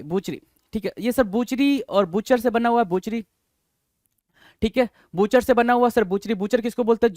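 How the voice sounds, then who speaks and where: A man's voice: extremely high pitch, dry recording, clean studio sound. A man teaching exam vocabulary, spelling words letter by letter and asking rhetorical questions in a repetitive, coaxing way. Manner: repetitive, coaxing, addresses listeners as sir and bhai. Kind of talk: exam-prep vocabulary lesson.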